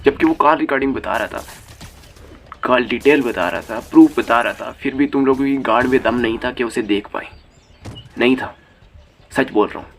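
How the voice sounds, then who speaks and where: A man's voice: medium pitch, moderate pace, long pauses, soft background music. Heated, foul-mouthed young man ranting. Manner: heated and crude, swears freely. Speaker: YouTube commentator. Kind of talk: ranting commentary.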